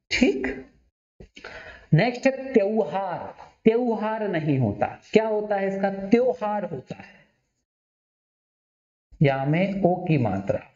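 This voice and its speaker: A man's voice: sits high, darkish tone. Guy teaching a spelling class, keeps asking questions and repeating words, roomy echo, kinda muffled sound. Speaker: Hindi teacher. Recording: dull, echoey classroom recording.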